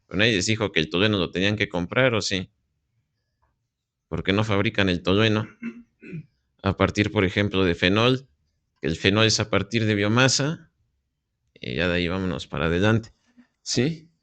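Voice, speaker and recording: A man's voice: on the low side, normal speed, pauses often, a bit bright, no room sound. A man professor gives feedback to students and keeps asking them questions to check that they follow. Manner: questioning, constantly asks "¿sí?". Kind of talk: classroom feedback.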